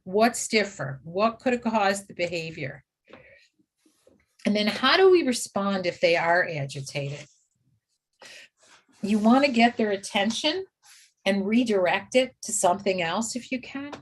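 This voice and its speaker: A woman's voice: medium pitch, lively intonation, unhurried, long pauses. A woman teaching caregivers in a training webinar, steadily listing do's and don'ts.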